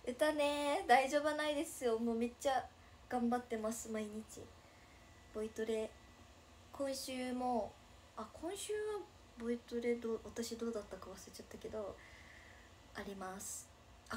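Reading viewer comments on her livestream, a bubbly, giggly idol in her twenties chats in Nagasaki dialect. She's from Nagasaki, Japan, and her voice is a little high and a little mellow at a moderate pace, with a slight hiss or hum in the audio.

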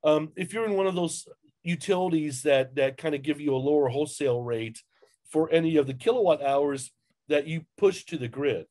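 A man's voice: fairly high pitch, warm tone. A man presenting a webinar over a video call, talking through slides with frequent fillers and restarts. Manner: halting, many fillers and restarts. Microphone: webcam on video call.

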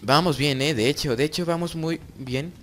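A young man giving excited gameplay commentary as host of his gaming channel, repeating phrases over and over. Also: a little high, normal speed, very noisy.

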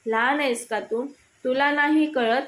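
A stern old grandmother from a storybook, scolding her grandson with mock anger, as a woman reads her. The voice is fairly high and mostly flat in its tune. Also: measured pace.

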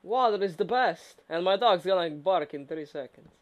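A man's voice: high voice, animated, moderate pace, muffled recording. A young man chatting casually and teasing his friend while they play a co-op game. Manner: teasing, joking. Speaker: gamer. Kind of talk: casual co-op gameplay chat.

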